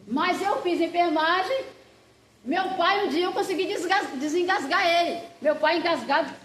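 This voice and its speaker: A woman's voice: very high voice, moderate pace, a little hiss or hum. A woman pastor teaches a Bible class, talking straight to her students and acting out anecdotes as she goes. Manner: chatty, animated storyteller who acts out quotes and addresses the class directly. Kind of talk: classroom lesson with personal anecdotes. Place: church classroom with a group of students. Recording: echoey church room with class audience.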